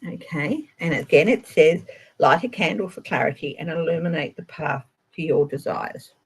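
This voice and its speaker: A middle-aged Australian woman giving a gentle, chatty tarot reading on a live stream and addressing viewers by name. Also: low-pitched, moderate pace, husky, rough recording. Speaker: tarot reader.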